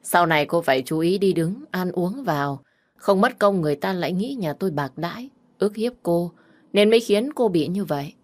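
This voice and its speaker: A woman's voice: fairly low pitch, animated, moderate pace, a little mellow. A woman voicing a cold, curt older mother-in-law in a narrated story.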